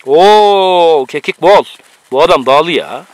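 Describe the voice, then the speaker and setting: A man's voice: on the high side, animated, slow pace, dry recording. A man cooking outdoors on a mountain, giving teasing, bossy instructions to a friend in casual chat, recorded on a camera mic. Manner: bossy, teasing running commentary.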